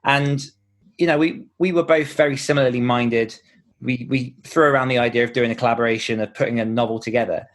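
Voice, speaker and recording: Being interviewed on a conversational podcast, this host and author explains things earnestly while thinking aloud. His mid-range voice is brisk and fairly even in intonation.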